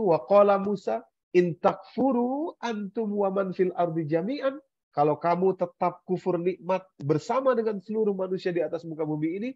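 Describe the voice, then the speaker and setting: Animated male preacher, high voice. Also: no room sound, muffled recording. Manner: animated, acts out complaints of the elderly. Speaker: Islamic preacher. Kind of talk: religious study sermon.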